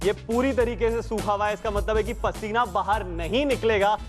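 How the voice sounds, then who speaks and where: A man presenting an infomercial, explaining and urging as he pitches a product. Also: normal speed, music in the background.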